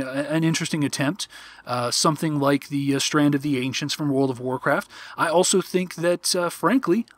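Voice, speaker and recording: A man talking over his own game footage, thinking out loud with questions and frequent "uh"s. His voice sits a little high and sounds close to going hoarse. The backup mic gives a dry, close sound with no room around it. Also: dry recording. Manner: musing, rhetorical questions, many fillers. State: nearly hoarse. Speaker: show host. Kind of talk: casual game commentary.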